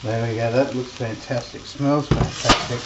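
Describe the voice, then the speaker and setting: A woman's voice: very deep voice, steady tone, moderate pace, dull audio. A woman vlogger chatting in a homely way while she cooks in her home kitchen, with a pan sizzling. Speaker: cooking vlogger. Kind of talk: casual cooking demonstration. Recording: echoey kitchen with loud frying noise.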